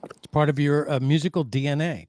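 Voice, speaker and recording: A man's voice: fairly high pitch, steady tone, fairly quick, darkish tone, no echo. A man hosting a music interview, chatting with his guest. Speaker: interview host. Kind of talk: broadcast interview chat.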